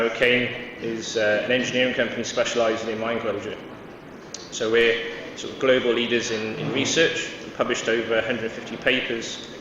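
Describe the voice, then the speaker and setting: A Welsh man presents at a conference in a large hall, speaking hesitantly with many fillers and restarts. His medium-pitched voice comes through a distant mic, and the recording is echoey, dull, and noisy.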